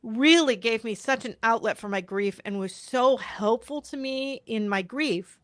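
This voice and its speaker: A woman's voice: fairly high pitch, unhurried, a bit bright, no room sound, clean studio sound. A woman podcast host chatting casually on a live stream, informal and apologetic, thinking aloud as she goes.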